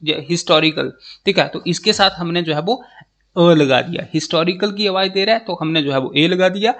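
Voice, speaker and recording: Guy with a jammu accent doing an exam prep grammar lesson, kinda high voice, keeps saying okay and spelling stuff out slow. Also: fairly bright tone. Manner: repeats "ठीक है" and "जो है वो" constantly, spells out letters slowly.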